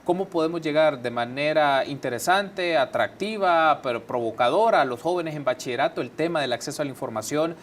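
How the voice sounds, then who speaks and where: A man's voice: fairly high pitch, a little fast, hardly any pauses, a little hiss or hum. A male TV host, asking long, winding questions. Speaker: TV interview host. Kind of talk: TV interview questions.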